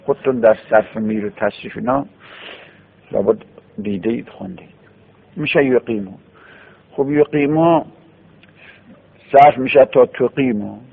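Gravelly man teaching on old radio. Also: medium pitch. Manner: patient, explaining step by step with repetition. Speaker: teacher of Arabic grammar. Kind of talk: classroom lecture. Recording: tinny phone-like radio broadcast.

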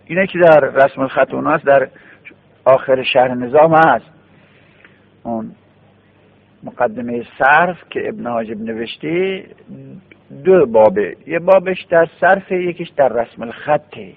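A man's voice: a little high, lively intonation, creaky, pauses often. A man giving a classroom grammar lecture, explaining patiently step by step and repeating key forms. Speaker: teacher of Arabic grammar. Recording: tinny phone-like radio broadcast.

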